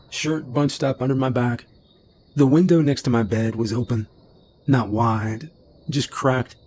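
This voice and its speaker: Steady man narrating a horror story. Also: medium pitch, slight background noise. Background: faint music.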